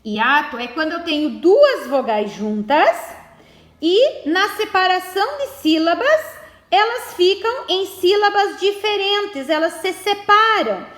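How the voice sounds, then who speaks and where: A woman teaches slowly and patiently, reading exercises aloud. Her voice sits high and swings widely in pitch, and the room around her is echoey. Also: expressive, a bit bright. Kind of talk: classroom lesson explanation.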